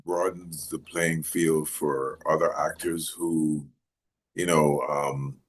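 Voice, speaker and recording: A middle-aged man from Jamaica, raised in Maryland, chatting in an interview in a relaxed, rambling way with many fillers. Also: a bass voice, slow. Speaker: actor guest. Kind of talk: casual interview chat.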